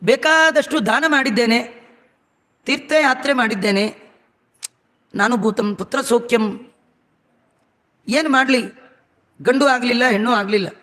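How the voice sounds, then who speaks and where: A man voicing a grieving childless king who slowly pleads his lament, in an echoey hall. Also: extremely high pitch, sharp tone, heavily acted. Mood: sorrowful.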